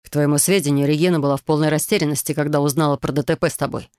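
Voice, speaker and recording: A woman's voice: low voice, fairly even intonation, very fast, darkish tone, smooth, no room sound, clean studio sound. A woman reading an audiobook, voicing a cold, contemptuous husband who talks bluntly and scornfully. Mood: harsh. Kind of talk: audiobook character voice.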